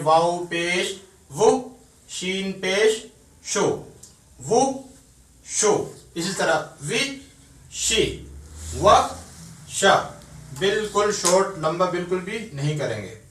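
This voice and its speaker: A Quran teacher instructs beginners in tajweed, patiently sounding out each syllable slowly. His voice sits high with a fairly bright tone, and the echoey recording places the mic some distance away.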